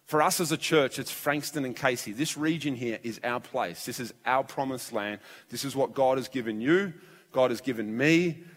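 A man's voice: mid-range voice, normal speed. A man preaching a sermon as pastor in a church, his voice strained and fragile, telling the story vividly and acting out voices. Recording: long church hall reverb.

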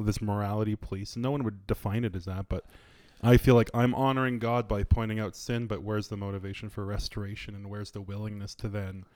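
Low-voiced man sharing earnest anecdotes. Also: darkish tone, dry recording. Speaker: podcast co-host. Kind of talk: casual faith discussion.

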